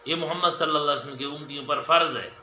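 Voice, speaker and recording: Bright, echoey male religious teacher. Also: on the high side, steady tone, a little hiss or hum. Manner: repetitive, enumerating points, addressing viewers as dear friends. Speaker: mufti giving a hadith lesson. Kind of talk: religious lesson. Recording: echoey room with faint ambience.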